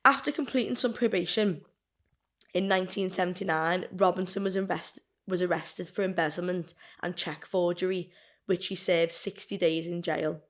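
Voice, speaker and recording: A woman's voice: on the low side, fairly even intonation, moderate pace. Chatty woman reading a crime story. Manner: chatty, laughs, stumbles over words, drinking wine. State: burping and hiccuping. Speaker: podcast co-host telling the case. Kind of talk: casual true-crime chat, reading notes.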